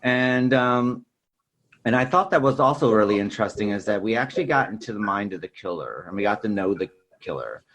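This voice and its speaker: The audio is poor, but the man's fairly low, slightly bright voice comes through expressive and fairly quick. As a podcast host chatting about film, he rambles casually, repeatedly adding "you know" and "sort of thing."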